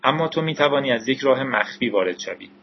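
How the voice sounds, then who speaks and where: A man voicing a calm, knowing male programmer with a measured, explanatory delivery, in an audiobook reading. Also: medium pitch, slightly rough, highs cut off.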